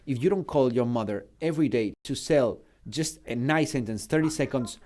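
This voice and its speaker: A man's voice: fairly high pitch, a little mellow. Middle-aged guy giving a keynote, earnest and punchy, choppy english. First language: Spanish. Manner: emphatic and earnest, in halting non-native English. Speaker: keynote speaker. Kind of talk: motivational conference talk.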